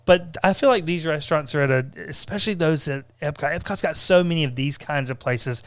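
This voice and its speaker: A man with a smooth, clear voice chats through a casual restaurant review. He hesitates and repeats words as he goes. The sound is dry and close, with no room echo. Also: fairly high pitch, a little fast. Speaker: co-host reviewing theme park restaurants. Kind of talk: casual conversational food review.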